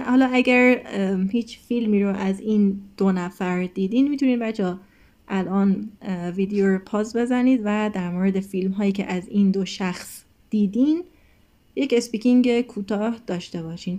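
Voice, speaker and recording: A woman runs a recorded English lesson with a mellow, relaxed voice. She explains each point and reads the example sentences aloud slowly and carefully, like a patient teacher. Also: mid-range voice. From Iran.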